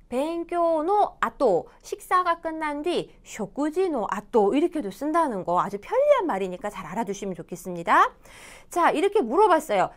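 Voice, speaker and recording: A woman teaching a Japanese lesson, explaining grammar patiently and reading example dialogues slowly and clearly. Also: high voice. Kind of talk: video lecture explaining grammar.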